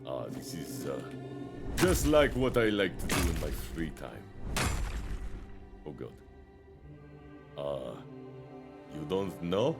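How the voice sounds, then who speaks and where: A man's voice: extremely low pitch, very animated, slow pace, vocal fry, long pauses. A man giving casual, playful let's play commentary as a gaming host, full of jokey asides. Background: faint game music.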